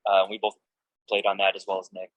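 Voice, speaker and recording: A man's voice: low-pitched, monotone, quick pace, fairly bright tone, no echo, poor audio. A man musician being interviewed, hesitant with many fillers. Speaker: musician guest. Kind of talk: casual interview chat.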